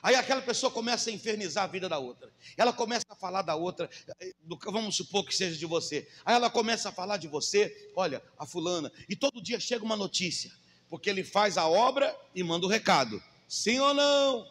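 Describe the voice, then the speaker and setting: A man's voice: sits high, expressive, fast, fairly bright tone, in a large hall, slight background noise. A man preaching as a pastor, emphatic, asking the congregation rhetorical questions. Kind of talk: sermon.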